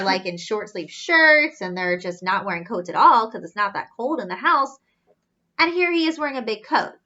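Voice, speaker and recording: This woman's voice sits on the high side, and the audio is dull. She reads a kids' story with plenty of expression, asking easy questions and making little asides to the young audience, complete with gasps and drawn-out emphasis.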